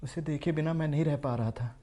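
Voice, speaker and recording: A man's voice: fairly high pitch, warm tone, natural voice. A man playing an obsessed, brooding killer. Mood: obsessive. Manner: brooding, intense, slowly unhinged delivery. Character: obsessed young man who kills his family. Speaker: actor performing an audition monologue. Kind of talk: dramatic monologue.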